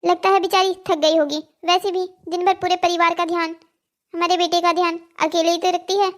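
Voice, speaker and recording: A woman playing a sneaky, guilty husband in a cartoon, very high voice. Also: little pitch movement, fairly quick. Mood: weary. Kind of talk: Hindi cartoon voice acting.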